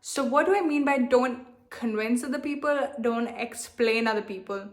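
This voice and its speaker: In this direct-to-camera vlog, a young self-love coach and channel host from India addresses viewers candidly and defiantly at a moderate pace. Her voice is on the high side, her Indian accent softened and globalized, and she repeats herself and leans on "like."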